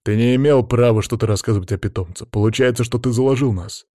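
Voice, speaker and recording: A male reader voicing a stern, commanding team leader in an audiobook, speaking forcefully with a growl. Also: on the low side, steady tone, fairly quick, dry recording, clean studio sound, lightly acted.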